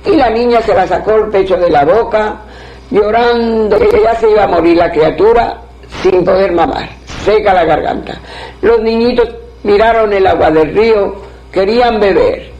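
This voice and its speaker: A man's voice: high voice, normal speed, a little mellow. A man telling a traditional folktale aloud in a repetitive, rhythmic way, on a dull lo-fi recording. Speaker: storyteller.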